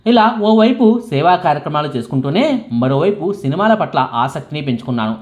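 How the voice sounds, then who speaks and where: A man's voice: fairly high pitch, expressive, brisk, darkish tone. A man narrating a first-person life story as scripted biography narration, acting out the quoted lines dramatically.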